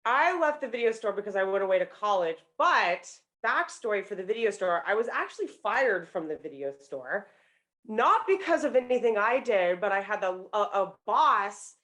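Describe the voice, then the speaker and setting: Thirtysomething woman guest on a podcast, explains stuff smooth and sure, middle pitched voice. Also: fairly bright tone. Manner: fluent, explanatory, confident. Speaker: guest, psychology professor and author. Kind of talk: interview answers.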